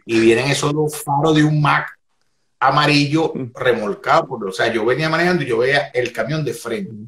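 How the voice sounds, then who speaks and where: A Venezuelan man telling a comic anecdote in an animated way, acting out shrieks and laughing often. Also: medium pitch, normal speed. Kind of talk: animated storytelling. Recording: echoey room, faint noise.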